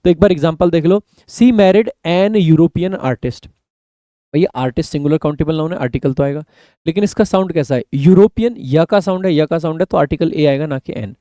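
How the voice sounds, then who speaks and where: A man's voice: fairly high pitch, fast, mellow, no room sound. A young adult man teaching English grammar for exam preparation, mixing explanations with English examples and calling the viewers brother. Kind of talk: exam-prep classroom lesson. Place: indoor recording studio with air conditioning.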